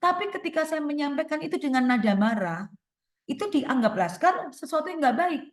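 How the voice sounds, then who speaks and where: Speaking a little fast in a high voice with lively intonation, a workshop speaker answers audience questions during a webinar advice session. Everyday examples and rhetorical questions carry her explanations, heard in an echoey room.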